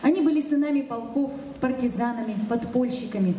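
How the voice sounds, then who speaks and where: A young woman reading a scripted commemorative narration in a solemn, measured way as a ceremony presenter. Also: a little high, mellow, far from the mic. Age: young adult. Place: stage of a hall. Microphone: handheld microphone through hall speakers. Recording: echoey hall from afar, faint noise.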